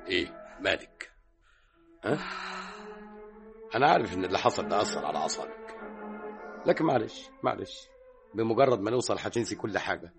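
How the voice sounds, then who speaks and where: A man's voice: on the low side, lively intonation, fairly quick, vocal fry, pauses often, music in the background. An actor with an Egyptian accent playing a curt, dismissive man in a vintage radio drama. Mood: impatient. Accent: Egyptian Arabic. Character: brusque impatient man hushing a woman.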